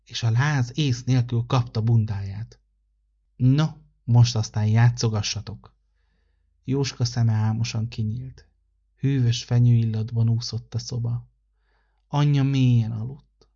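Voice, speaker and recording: A man calmly narrating a children's story aloud. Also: mid-range voice, breathy edge, dull audio. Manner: calm, measured narration.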